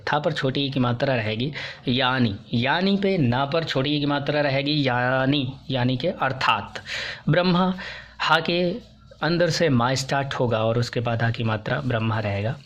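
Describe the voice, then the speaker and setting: A male teacher from India going through correct and incorrect Hindi spellings for exam students, slowing down to stress each correct form. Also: medium pitch, fairly bright tone.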